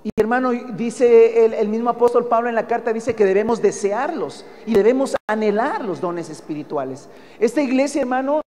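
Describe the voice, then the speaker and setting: A Mexican-accented preacher giving a sermon, pressing each point home with emphasis and posing rhetorical questions to the congregation. The voice sits at a middling pitch, and a long hall reverb trails after every phrase. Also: normal speed, dark tone. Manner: emphatic, keeps calling listeners "brother", asks rhetorical questions.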